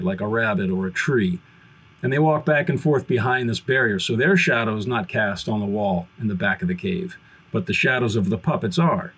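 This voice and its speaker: A man in his fifties, a philosophy professor on a video call from a room at home, retelling a classic story with lively hand gestures. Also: medium pitch, husky, poor audio. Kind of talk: explaining on a podcast. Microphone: webcam video call.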